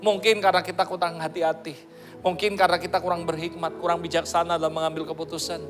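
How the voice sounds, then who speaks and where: A man's voice: a little high, flat delivery, fast talker. A middle-aged pastor from Indonesia preaching with energy and often calling out to his congregation. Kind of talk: sermon. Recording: sermon with music playing behind.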